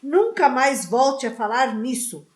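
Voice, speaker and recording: A woman's voice: sing-song, a little slow, roomy sound. Woman voicing a sarcastic, defiant teenage boy. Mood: threatening. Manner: sarcastic, low and threatening. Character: defiant teenage boy wizard, sharp-tongued.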